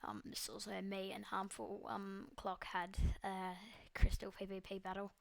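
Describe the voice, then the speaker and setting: A young Australian woman who makes gaming videos rambles casually over her gameplay, filling it with ums, likes, and the occasional swear. Her voice is medium-pitched and level at normal speed, with vocal fry.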